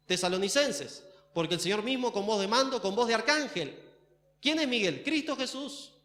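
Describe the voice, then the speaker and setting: An Argentine pastor delivers a sermon with a high-pitched man's voice. He keeps questioning his listeners and lands hard on the key words. His voice carries an echo from the church hall around him. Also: a bit bright. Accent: Argentine Spanish. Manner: questioning, emphatic.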